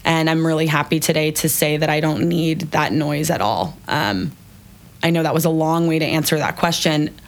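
Low-voiced woman telling her story candidly. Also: moderate pace. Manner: open, emotional, casual swearing. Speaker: business founder, podcast guest.

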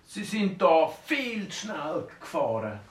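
A man doing a bossy shouting policeman. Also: on the high side, sing-song, slow, voice pushed up. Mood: stern. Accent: Swiss German. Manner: barking orders. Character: stern male police officer, bossy. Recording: roomy, distant mic, faint noise.

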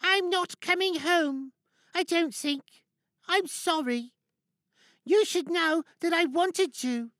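A man's voice: extremely high pitch, takes it slowly, bright, forceful tone, no room sound, studio quality, pitched above the performer's own voice, full character voice. A man voicing a young girl cartoon piglet, speaking in a childlike way. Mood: wistful, confiding. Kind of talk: dramatic monologue reading in character.

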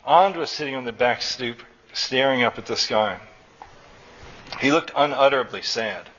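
A man's voice: mid-range voice, normal speed, fairly bright tone. Man reading fiction, muffled recording. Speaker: author reading his story. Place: college reading event. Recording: dull lo-fi live recording.

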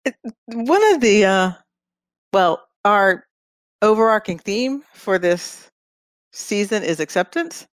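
A woman hosting a podcast who asks questions in a measured, inquisitive way. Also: medium pitch, animated, no room sound. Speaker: podcast host. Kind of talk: podcast interview.

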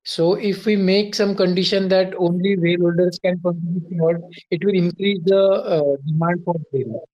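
A man calling in with a question over a bad connection that keeps cutting out, speaking hesitantly with many pauses. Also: high-pitched, steady tone, darkish tone. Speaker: caller asking a question. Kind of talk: live audio-room Q&A. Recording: muffled lo-fi online call audio.

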